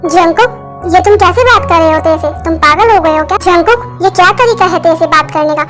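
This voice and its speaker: A woman's voice: extremely high pitch, brisk. A woman voicing a strict middle-aged mother who scolds her son sternly, in a Hindi fan dub. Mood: angry. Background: background music.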